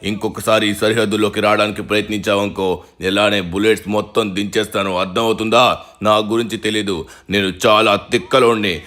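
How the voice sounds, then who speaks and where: A hot-headed guard barks orders and threats in a game role-play dub, as a man acts him out. His voice sits low with a bright, forceful edge. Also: little pitch movement, fast, lightly acted. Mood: menacing. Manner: threatening, bossy. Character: menacing male guard, hot-headed thug.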